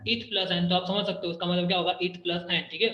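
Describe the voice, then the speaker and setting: A man's voice: high-pitched, steady tone, fairly quick. A male chemistry teacher lecturing a class, drilling students with repeated questions and mixing Hindi with English. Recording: echoey room, dull lo-fi sound.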